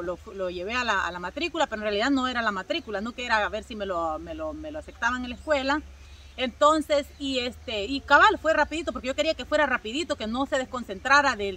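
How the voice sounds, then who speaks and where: High bright-voiced Salvadoran woman vlogging. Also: far from the mic, slight background noise. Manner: chatty, warmly addresses viewers, many filler words. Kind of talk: casual storytelling to viewers.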